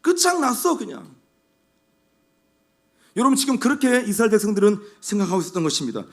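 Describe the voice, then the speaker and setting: High-pitched emphatic male pastor preaching. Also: wildly swooping pitch, fast talker. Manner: emphatic preaching with rhetorical questions and repetition. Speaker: senior pastor. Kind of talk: sermon. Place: church sanctuary.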